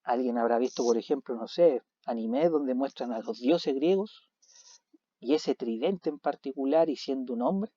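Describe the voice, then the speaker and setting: Animated male teacher, mellow voice. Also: medium pitch, moderate pace, no room sound. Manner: animated, asks questions and answers them himself. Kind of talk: recorded video lesson. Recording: dull lo-fi recording.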